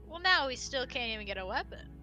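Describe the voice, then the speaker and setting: A woman's voice: sits high, sing-song, quick pace, sharp tone, faint music behind. A woman casually talking through a video game as a co-player.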